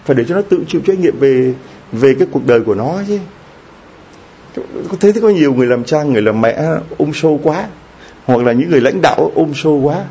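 With a slightly high, mellow voice, a priest preaches briskly and with animation, repeatedly asking the congregation rhetorical questions in a conversational style. Faint background noise sits under a somewhat dull, lo-fi recording.

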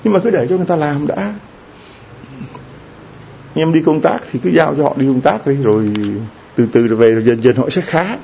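Warm-voiced priest preaching. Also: male voice, on the high side, fairly quick, vocal fry, long pauses. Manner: conversational preaching with frequent rhetorical questions to the congregation. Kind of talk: sermon. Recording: slightly dull lo-fi recording with faint background noise.

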